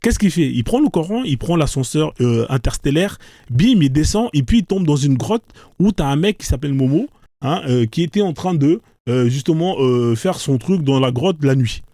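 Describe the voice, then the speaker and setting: A man's voice: fairly high pitch, animated, normal speed, dark tone, no echo. A man hosting a live stream, talking in a sarcastic, rambling monologue full of "hein" and "euh" fillers.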